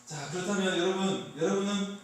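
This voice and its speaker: A man's voice: high-pitched, brisk, a little hiss or hum. A man preaching a Sunday sermon, light and joking as he quizzes his congregation. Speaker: pastor. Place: church sanctuary. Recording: echoey hall, heard from a distance.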